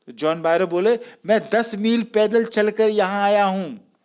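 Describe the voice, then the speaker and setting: A man teaching an English story, reading lines slowly and explaining each in Hindi. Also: sits high, steady tone, smooth.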